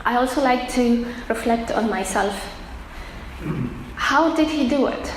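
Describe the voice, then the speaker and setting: A woman from Afghanistan giving an earnest personal testimony, pausing often with fillers. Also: on the high side. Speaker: testimony speaker. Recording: echoey room with faint noise.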